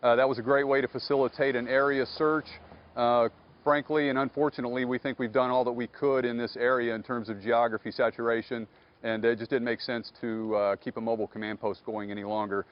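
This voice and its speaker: A man speaking as a police captain in a live TV news interview, measured and guarded, often filling pauses with "uh" and "you know". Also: medium pitch, level tone, dull audio. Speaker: police captain, investigation spokesman.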